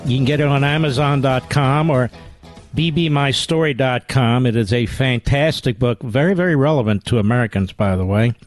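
A middle-aged man hosts a talk radio show, running an interview and reading ads in an emphatic, salesman-like way. His voice is mid-range and the recording is dry.

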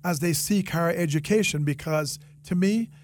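A Jamaican-accented man, a restaurant franchisee and entrepreneur, speaks earnestly as a guest in a conversational interview, repeating phrases for emphasis. His voice is a little high and moves at normal speed, with slight background noise.

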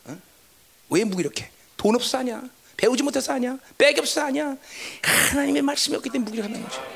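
A pastor preaching a sermon who keeps prodding listeners for replies and swings between shouting and hushed asides in church. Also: mid-range voice, creaky, background noise.

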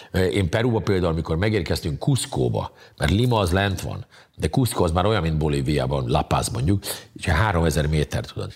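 A man's voice: low voice, husky. A man chatting casually, telling rambling, crude, joking stories about his travels. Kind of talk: casual chat.

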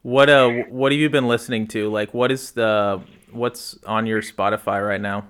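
A man hosting a podcast, chatty and animated. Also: fairly low pitch, normal speed, smooth. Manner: animated, chatty, laughs easily. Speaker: podcast host. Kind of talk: casual podcast chat.

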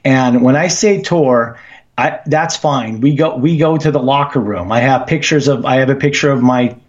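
A middle-aged man calling in to a radio show, talking earnestly and haltingly with many restarts. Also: mid-range voice, highs cut off. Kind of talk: casual radio call-in chat.

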